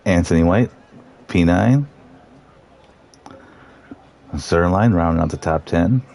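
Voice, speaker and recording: A man commentating live on a sim race, reading out the starting grid in a relaxed, joking way. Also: deep voice, slow, vocal fry, a little hiss or hum.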